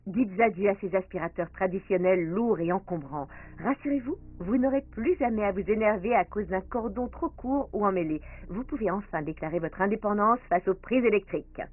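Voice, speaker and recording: A female announcer reads a scripted infomercial pitch. Her voice sits at a middle pitch. The recording sounds thin and phone-like. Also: fairly quick. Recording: tinny phone-like band.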